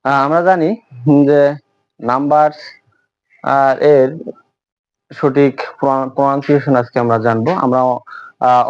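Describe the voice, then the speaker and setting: A man's voice: mid-range voice, darkish tone, no room sound, muffled recording. A man giving a beginner's English pronunciation lesson, talking hesitantly and repeating words with many fillers. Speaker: English teacher. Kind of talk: spoken English lesson in Bengali.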